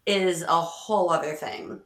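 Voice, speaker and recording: A woman's voice: fairly low pitch, unhurried, a crowd in the background. A middle-aged woman chatting casually as a podcast co-host, telling stories and laughing often. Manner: animated storyteller, laughs often, acts out quotes. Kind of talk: casual chat. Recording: roomy echo.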